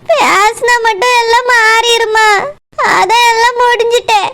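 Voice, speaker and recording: A woman's voice: very high-pitched, fairly quick, a bit bright. A woman voicing a tearful, resentful young woman in a cartoon, speaking with a Kanyakumari Tamil accent and brooding sulkily to herself. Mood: sad. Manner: sulky, brooding inner monologue. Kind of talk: cartoon voice acting.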